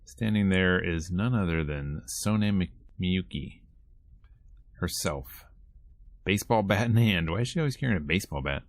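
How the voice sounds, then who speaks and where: A man with a low, expressive voice hosts a let's play, reading visual novel text aloud at a normal pace and slipping in playful, casual asides between the lines. He's the host of a gameplay video series, and the recording has no echo.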